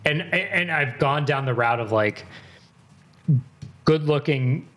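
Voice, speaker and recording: A man's voice: a little high, animated, slow, a bit bright. A man in his thirties chatting casually, rambling and correcting himself mid-sentence, with frequent swearing. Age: 30s. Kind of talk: casual chat.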